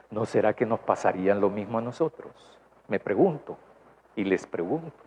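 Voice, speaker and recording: A man's voice: lowish voice, darkish tone. A man with a Salvadoran accent preaching a conversational sermon, often asking his congregation questions. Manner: asks the congregation questions, tag "¿verdad?". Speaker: pastor. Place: church. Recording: dull lo-fi church recording, faint noise.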